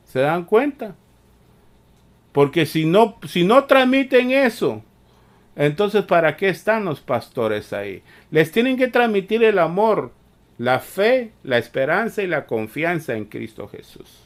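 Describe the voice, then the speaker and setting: A man delivers a sermon at a deliberate, unhurried pace. His voice sits fairly high and climbs higher and harder when he rebukes. He leans on repeated amens and restarts. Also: very animated. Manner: slow, repetitive preaching with frequent "amén" and "mire"; rises in pitch and force when scolding. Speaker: preacher.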